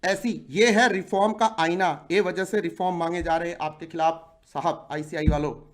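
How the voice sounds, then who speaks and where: A man's voice: on the high side, steady tone, normal speed. A man of forty, an exam-prep teacher, giving an impassioned video address to viewers, indignant and full of rhetorical questions. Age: 40s.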